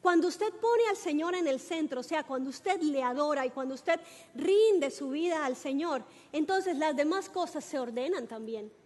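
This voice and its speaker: A woman preacher giving an animated sermon, talking straight to the congregation and breaking into shouts for emphasis. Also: sits high, normal speed, long reverb tail. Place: church sanctuary.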